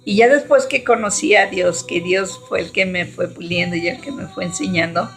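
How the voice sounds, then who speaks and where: A woman's voice: on the low side, steady tone, normal speed, creaky, fairly bright tone. A middle-aged woman gives an earnest religious testimony, often ending her phrases with tag questions. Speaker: testifying believer.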